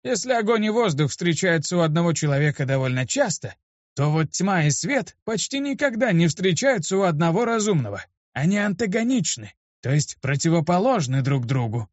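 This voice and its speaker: A man voicing a grumpy old male mage with a creaky, gruff voice, in a dull, dry lo-fi recording. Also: fairly high pitch, very animated, fairly quick, dry recording, pitched above the performer's own voice. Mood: lecturing. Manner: gruff, scolding.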